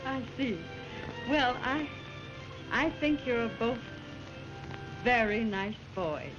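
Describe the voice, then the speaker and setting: An actress playing a gentle, careful middle-aged mother, speaking politely and cautiously, in early talkie film sound. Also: on the high side, lively intonation, slow pace. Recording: dull 1920s film soundtrack with music.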